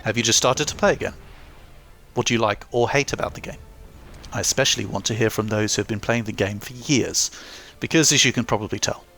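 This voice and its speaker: A man's voice: lowish voice, a little fast, bright, forceful tone, faint music behind. A young man reading a scripted game review with dry, self-mocking humour. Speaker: gaming YouTuber.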